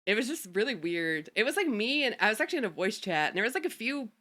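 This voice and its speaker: A woman streamer chatting casually at home, full of fillers and quick giggles. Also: fairly high pitch, very animated, sharp tone. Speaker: streamer host. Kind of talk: casual chat.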